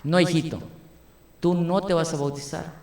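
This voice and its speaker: A man's voice: on the high side, fairly even intonation, normal speed, a little mellow, roomy sound, close to an everyday voice. A man quoting a stubborn devout mother. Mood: firm refusal. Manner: firm, polite refusal.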